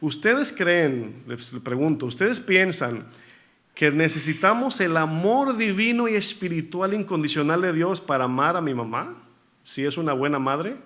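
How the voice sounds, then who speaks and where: A man's voice: fairly high pitch, animated, a little slow, a bit bright. A male pastor preaching a sermon in church, often asking the congregation questions and repeating key words for emphasis.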